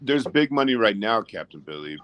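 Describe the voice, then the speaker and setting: A man in his fifties with a very low, deep voice gives measured, encouraging advice in relaxed conversation. He speaks steadily and seriously. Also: muffled recording, a little hiss or hum. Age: 50s. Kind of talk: casual chat.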